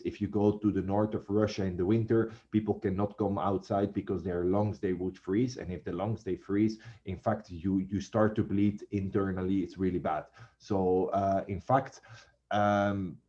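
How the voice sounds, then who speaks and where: Chatty teacher guy, lowish voice, muffled lo-fi sound. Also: fairly even intonation, normal speed, dark tone, slight background noise. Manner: chatty, addresses students as guys. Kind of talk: classroom lecture.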